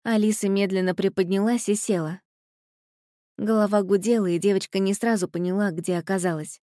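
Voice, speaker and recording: Woman, storybook narration, expressive, dry close sound. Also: medium pitch, fairly quick, dry recording. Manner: expressive, voices the characters in quotes. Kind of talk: scripted audiobook narration.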